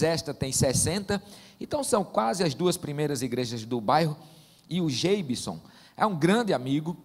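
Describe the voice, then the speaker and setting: A man, preaching as a pastor and telling stories in a folksy, joking way. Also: on the high side. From Northeast Brazil. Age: 40s. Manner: warm joking storyteller, folksy asides. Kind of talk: sermon. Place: church sanctuary. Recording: long church-hall reverb.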